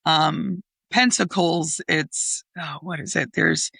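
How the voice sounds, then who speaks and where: A woman co-host talking in a relaxed, unhurried way, explaining patiently with fillers. Her voice is lowish and gravelly with a bright edge. She speaks slowly and casually. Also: no room sound. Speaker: podcast co-host. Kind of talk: casual chat.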